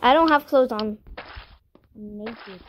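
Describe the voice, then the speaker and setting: A woman chatting casually while she plays a video game, exclaiming at mishaps and apologizing for yelling. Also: fairly high pitch, takes it slowly. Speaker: gameplay streamer. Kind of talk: casual gameplay commentary. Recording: noisy home recording.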